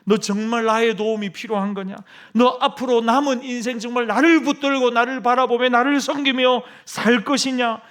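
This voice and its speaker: A man's voice: very high voice, steady tone, moderate pace, hardly any pauses, a bit bright, pitched above the performer's own voice. A man voicing God in a sermon, asking insistent, searching questions.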